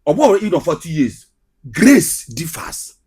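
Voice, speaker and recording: Man, Nigerian Igbo accent, very lively intonation, rough-edged voice, emphatic repetition, comedian being interviewed. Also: on the high side, a little slow. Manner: emphatic, repeats phrases for effect. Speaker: guest, comedian and skit maker. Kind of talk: animated interview storytelling.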